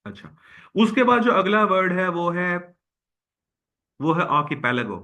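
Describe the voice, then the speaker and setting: A male teacher works through a vocabulary list, drilling each word by saying it again and again. His voice is bright and forceful, and he talks to his class as boys and girls. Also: sits high, big pitch swings, measured pace. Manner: drills words by repeating them; addresses students as boys and girls. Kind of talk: recorded lecture.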